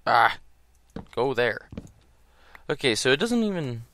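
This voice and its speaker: A man with a mid-range, sing-song voice gives casual gameplay commentary at a measured pace, his tone bright and forceful. He sounds groggy, like it's early morning, and he rambles hesitantly with lots of ums and thoughts that trail off.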